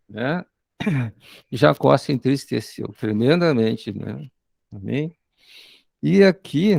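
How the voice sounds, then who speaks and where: Very gravelly Brazilian male preacher. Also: mid-range voice, darkish tone, dry recording, studio quality. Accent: Brazilian Portuguese. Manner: tags nearly every phrase with "né?" and "amém?"; reads scripture aloud and then explains it slowly. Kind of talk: sermon.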